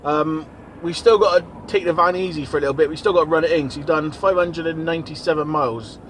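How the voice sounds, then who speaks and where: High-pitched man, chatting casually. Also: quick pace, fairly bright tone, a little hiss or hum. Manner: blokey, informal. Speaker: vlogger and van driver. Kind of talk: casual video diary chat.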